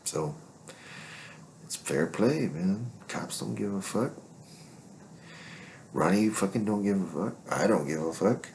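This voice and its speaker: A man's voice: low voice, animated, takes it slowly, vocal fry, pauses often, darkish tone, slight background noise. A man telling stories in a casual monologue, swaggering and profane, rambling with constant fillers.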